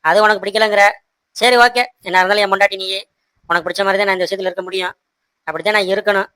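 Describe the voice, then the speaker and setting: A man's voice: high-pitched, fairly even intonation, very fast, sharp tone, dry recording. A man voicing a harried young husband in a cartoon who soothes his wife and complains to the audience. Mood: placating. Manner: soothing, placating, talks to the audience. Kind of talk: cartoon voice acting.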